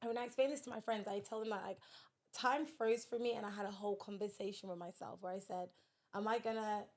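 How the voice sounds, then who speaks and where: A woman's voice: mid-range voice, steady tone, quick pace, a little mellow. A woman, a podcast guest, telling a personal story in a direct, earnest way in casual conversation.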